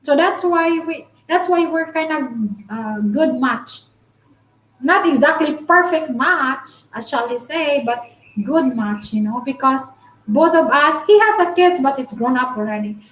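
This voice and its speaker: A chatty, candid Filipina vlogger answers her live chat casually, speaking with a Filipino accent; Bisaya is her first language. Her voice is high and a bit bright with lively intonation, and she talks a little slowly. The audio is poor and reverberant.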